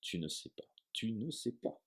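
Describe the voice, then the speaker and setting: A man reading aloud, voicing a huge, hot-tempered male half-giant groundskeeper with booming outbursts. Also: moderate pace, lightly acted.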